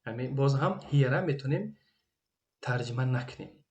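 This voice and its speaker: A man with a Tajik accent teaching an Arabic grammar lesson. He repeats each Arabic phrase slowly and then translates it. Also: mid-range voice, animated, muffled recording.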